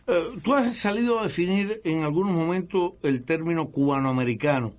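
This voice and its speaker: A man's voice: on the high side, fairly quick. A man in his forties hosting a radio interview, asking questions in a conversational, hesitant way. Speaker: radio host.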